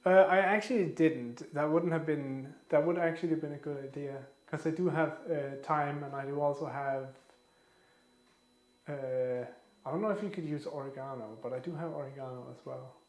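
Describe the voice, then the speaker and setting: A Danish man livestreams himself cooking in his home kitchen, chatting and rambling casually with the odd swear word. His voice is fairly high and steady, at a normal speed. The room is echoey with faint noise.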